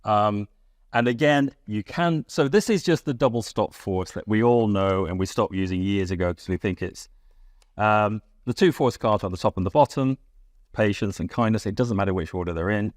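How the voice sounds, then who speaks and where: A man explaining a mentalism card routine in a relaxed, wry way, with asides. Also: fairly low pitch, moderate pace, no room sound, clean studio sound. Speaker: magic instructor. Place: London studio.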